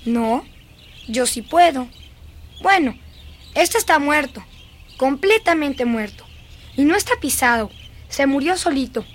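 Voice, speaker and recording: A woman's voice: high voice, animated, a little slow, pauses often, slight background noise. A woman dubbing a dreamy, eerie little girl who is fascinated by dead beetles, in a lingering, singsong, childlike way. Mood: chatty. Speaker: dubbing actress. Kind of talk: film dubbing.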